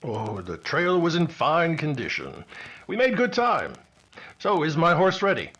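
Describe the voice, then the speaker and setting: An actor playing a steady, commanding Mountie sergeant, the hero of an old-time radio adventure drama. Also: male voice, a little high, measured pace, husky, heavily acted. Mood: genial.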